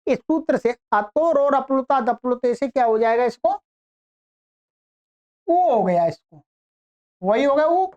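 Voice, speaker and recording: A woman teaching Sanskrit grammar online, explaining patiently step by step and drawing out example words slowly. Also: high voice, animated, mellow. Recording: dull lo-fi recording.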